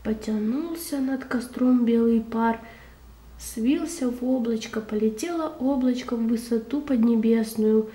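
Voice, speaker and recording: A woman reading a children's fairy tale aloud in an expressive, measured, folksy way. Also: on the high side, echoey room.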